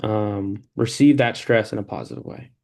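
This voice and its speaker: A man's voice: fairly low pitch, sing-song, moderate pace, gravelly, a little mellow. A man acting as a peer mentor in a faith-based mentoring conversation, talking in an easygoing, encouraging way with many fillers. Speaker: peer mentor in a practice session.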